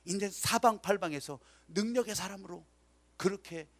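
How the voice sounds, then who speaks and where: High-voiced pastor preaching dramatically. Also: male voice, moderate pace, no room sound. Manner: dramatic storytelling, acts out quotes; emphatic, calls for amens. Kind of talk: sermon.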